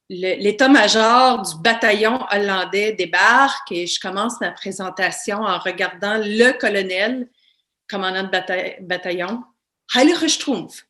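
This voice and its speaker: A woman's voice: mid-range voice, sharp tone. A woman, a veteran giving a casual online presentation full of fillers and restarts over a video call. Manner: anecdotal, many fillers and restarts.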